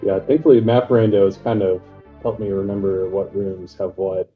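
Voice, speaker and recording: A man's voice: low voice, little pitch movement, normal speed, soft background music. A man chatting casually as a player guest. He sounds distant and echoey, muffled as if through a wall, and talks in a laid-back, rambling way full of fillers. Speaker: player guest on a race stream. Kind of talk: casual chat. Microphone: far from his mic on a voice call.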